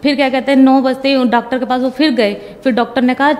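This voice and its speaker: Young woman telling her own story, lots of "i said", kinda high voice, echoey room with long tail. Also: fairly even intonation, fast, a little mellow. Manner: retells conversations at length with repeated "I said". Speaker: devotee giving a testimony. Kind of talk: personal testimony storytelling.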